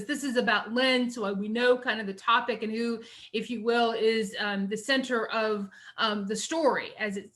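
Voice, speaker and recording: Woman, middle-aged, teacher, recorded lecture, chatty with fillers, slightly high, bright voice. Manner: chatty, lots of fillers and "you know". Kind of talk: recorded lecture on essay writing.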